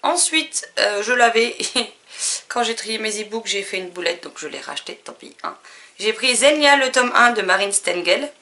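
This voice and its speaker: A woman casually listing her new books, chatty and relaxed, with frequent fillers. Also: mid-range voice, normal speed. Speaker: book vlogger. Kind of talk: casual book haul chat.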